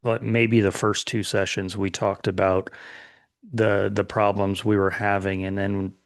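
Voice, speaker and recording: A middle-aged man co-hosting a casual chat, talking slowly and thoughtfully with many restarts. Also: on the low side, little pitch movement, no echo, studio quality. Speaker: podcast co-host.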